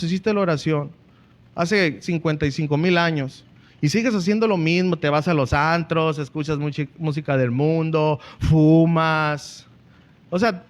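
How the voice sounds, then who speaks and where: A man with a Mexican Spanish accent preaching a sermon earnestly as a pastor, often calling out to the congregation. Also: on the high side.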